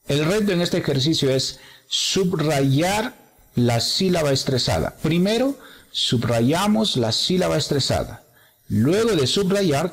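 A man teaching English, slowly explaining exercises step by step and alternating English examples with explanations. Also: medium pitch, big-room sound. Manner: slow, explanatory, switches between English examples and Spanish explanation. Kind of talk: bilingual grammar lesson walkthrough.

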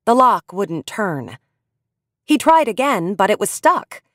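A woman reading a children's story aloud in an expressive storytelling manner. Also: medium pitch, takes it slowly, no echo, clean studio sound. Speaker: audiobook reader.

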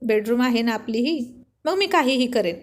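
A woman voicing a light-hearted, easygoing young man in a storybook, in a high voice. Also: lively intonation, normal speed, close to an everyday voice.

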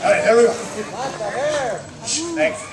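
A man, a middle-aged stage juggler, projecting comic patter with mock-courtly showmanship to a live fair audience. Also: unhurried. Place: open-air covered stage at a fair. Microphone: far camera in the audience. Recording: distant, echoey, noisy live crowd recording. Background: loud crowd and ambient noise.

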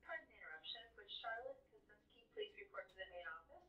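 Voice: mid-range voice, wildly swooping pitch, fast, sharp tone, reverberant, lo-fi sound. A staff member from the school office making a brief, formal paging announcement over the intercom. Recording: faint distant intercom speaker.

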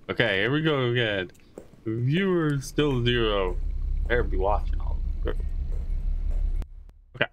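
His voice gravelly and a bit bright, a gaming channel host comments through a horror game. He reads lines out, addresses the monsters directly, and rambles nervously, letting out high-pitched yelps whenever something frightens him.

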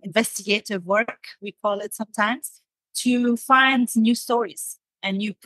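On the high side and a bit bright, this Syrian woman's voice comes through poor audio with no echo. She's a designer from Damascus answering interview questions in English, reflective and frequently pausing to find the right word.

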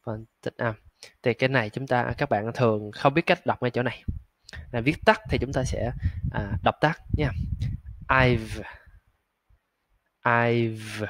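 Guy teaching english sounds, drags the example words out slow, lots of "uh", dry close sound. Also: mid-range voice, no room sound. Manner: slow, drawn-out model words, frequent filler "à". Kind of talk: pronunciation lesson.

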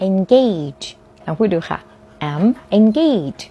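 A woman's voice: mid-range voice, sing-song, extremely slow, mellow, breathy edge, lo-fi sound. A woman with a Thai accent gives an English vocabulary lesson. She is friendly and models each word for the viewer to say back. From Thailand. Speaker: English teacher.

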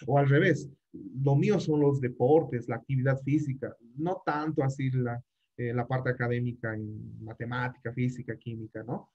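A man's voice: mid-range voice, steady tone, normal speed, darkish tone, husky, highs cut off. A man teaching an English grammar lesson, repeating his points and often checking that the students understand. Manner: repetitive, checks understanding with frequent tag questions. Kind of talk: classroom lesson explaining grammar.

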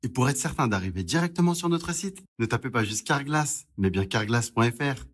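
A man in his thirties giving a scripted sales pitch to camera from a repair shop counter, explaining things in a lively way. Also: a little fast. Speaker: car glass repair adviser in an ad.

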